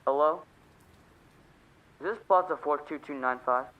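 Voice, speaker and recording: A man's voice: a little high, a little slow, phone-quality sound, background noise, close to an everyday voice. A man playing a businesslike, impassive telegram clerk reciting formally in a radio play.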